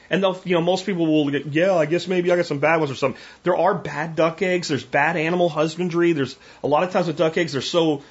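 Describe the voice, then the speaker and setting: A homesteading podcast host answers viewer questions in a casual, folksy manner, voicing strong opinions. He frequently restarts his sentences and tacks on tag questions. His voice is on the high side, and the sound is lo-fi.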